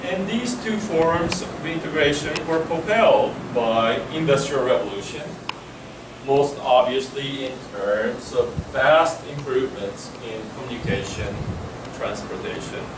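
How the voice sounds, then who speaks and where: A man giving a university lecture in a measured, emphatic way, building points through lists. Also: medium pitch. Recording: echoey room, distant mic, air conditioning hum.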